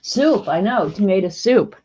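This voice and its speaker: Here the streamer, a woman in her sixties, has a dark, slightly rough mid-range voice that is expressive and a little slow. She opens her mail on a livestream, chatting casually, musing aloud, and laughing a lot, all in slightly dull lo-fi sound.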